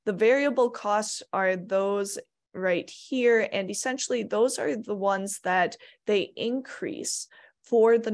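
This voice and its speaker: A woman from Minnesota giving a practical slide lecture as an extension economist, plainspoken with light asides, speaking into a computer mic. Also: mid-range voice. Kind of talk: recorded slide presentation.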